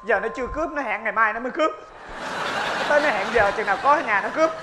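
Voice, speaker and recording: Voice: mid-range voice, rapid-fire, very noisy, natural voice. A performer playing a flustered, panicky husband in a stage comedy sketch, yelping and pleading. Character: panicky henpecked husband being blackmailed.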